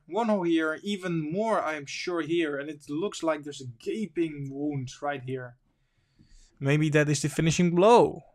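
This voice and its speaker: Slightly high-voiced male livestream host. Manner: reads news and chat aloud, wandering and informal. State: sniffly from allergies. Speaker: stream host. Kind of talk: casual livestream commentary.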